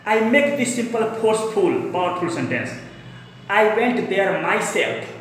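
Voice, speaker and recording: A man's voice: high-pitched, big pitch swings, measured pace, fairly bright tone. Indian man teaching grammar, echoey room. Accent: Indian English. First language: Hindi. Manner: repeats terms, spells words aloud, explains in Hindi. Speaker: English teacher. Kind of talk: classroom grammar lesson. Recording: echoey room with long reverb, faint noise.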